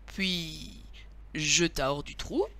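Teacher reading to kids, woman, slow and expressive, rhythmic rhyme. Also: low voice. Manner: expressive, rhythmic rhyming delivery. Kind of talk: children's story reading.

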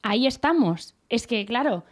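Lively young woman. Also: on the high side, normal speed. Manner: lively, acts out quoted relatives. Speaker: podcast co-host. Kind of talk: casual comedic chat. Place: radio studio.

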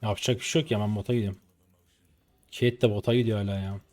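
A man's voice: on the low side, fairly even intonation, fast talker, darkish tone. A man in his twenties from Turkey, streaming his gameplay live and commenting in frustrated mutters and sudden outbursts. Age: 20s. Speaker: game streamer.

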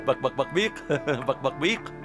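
A man's voice: medium pitch, animated, unhurried, music in the background, lightly acted. A man dubbing a cheeky teenage schoolboy who mocks a classmate in a TV drama. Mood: mocking. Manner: teasing, giggling. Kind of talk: dubbed TV drama.

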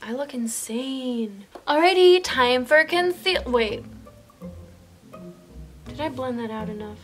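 High-pitched young woman, giggly drunk rambling. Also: slow, husky, faint music behind. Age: 20s. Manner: blunt, playful, swears freely. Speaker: makeup vlogger. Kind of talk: casual chat to camera while applying makeup. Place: indoors, small room in front of a fabric backdrop.

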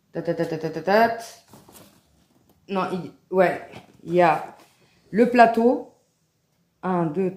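A woman's voice: lowish voice, warm tone. A woman, chatting enthusiastically to viewers as she shows off her shopping haul, with many fillers and little "hop"s. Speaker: home vlogger showing a shopping haul. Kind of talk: casual haul vlog to viewers. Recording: echoey room with faint background noise.

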